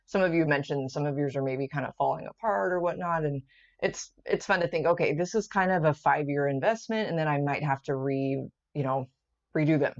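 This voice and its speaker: A woman's voice: deep voice, a little fast, lo-fi sound. Chatty woman co-hosting a garden stream. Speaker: gardening live stream co-host. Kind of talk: casual chat, reading viewer comments.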